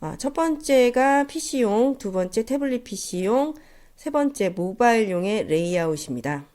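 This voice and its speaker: Female lecturer, congested and nasal from a head cold, animated pitch movement, courteous step-by-step teaching delivery. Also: moderate pace. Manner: polite, explanatory. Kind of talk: instructional slide lecture.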